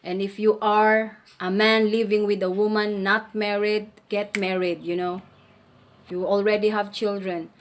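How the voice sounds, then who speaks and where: A woman's voice: mid-range voice, little pitch movement, a little slow. A woman giving a casual Bible teaching in a conversational way, restarting her sentences often. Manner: conversational, with many restarts and fillers.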